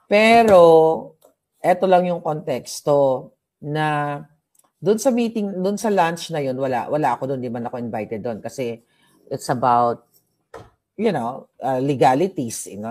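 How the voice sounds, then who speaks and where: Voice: mid-range voice, darkish tone. A political vlogger from the Philippines, chatting casually on a livestream, gossipy and mixing English into the talk, often addressing viewers directly. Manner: talks straight to viewers and their comments.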